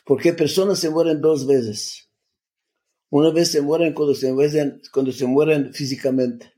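Older man telling his story, halting. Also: on the high side, steady tone, dark tone. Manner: halting, restarts often, salty slang. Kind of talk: personal storytelling, casual.

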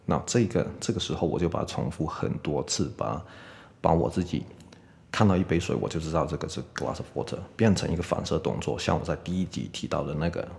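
A man teaches English pronunciation in an easygoing, rambling way, peppering his talk with fillers and OKs. His voice sits low with a gravelly fry. A long reverb trails behind his words. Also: quick pace. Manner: relaxed, chatty, with many fillers and repeated OKs. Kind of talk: casual spoken lesson.

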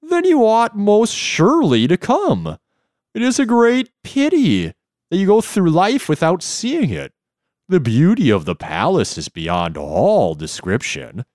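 A man doing a high, fawning jellyfish servant. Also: wildly swooping pitch, unhurried, darkish tone, no room sound, studio quality, heavily acted. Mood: flattering. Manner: high, sweet-talking voice. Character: eager, flattering male jellyfish servant.

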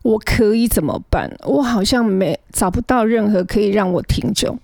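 A woman's voice: medium pitch, moderate pace, gravelly, dark tone, dry recording. A middle-aged woman, earnestly recounting her own past as a guest and often stammering as she restarts her sentences. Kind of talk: emotional personal storytelling.

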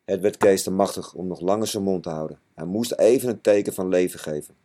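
Man reading a storybook in a low mellow voice. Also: a little fast. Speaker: narrator.

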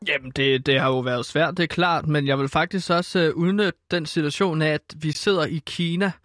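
A man's voice: a little high, fairly even intonation, fairly bright tone, no room sound, studio quality, faint music behind. A man talking football on a radio show, casual and hesitant with many ums. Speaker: football pundit.

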